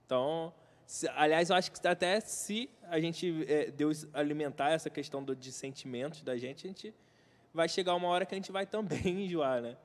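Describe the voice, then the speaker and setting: A man's voice: a little high, moderate pace. A man hosting a casual church chat, talking hesitantly with many fillers. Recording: long hall reverb.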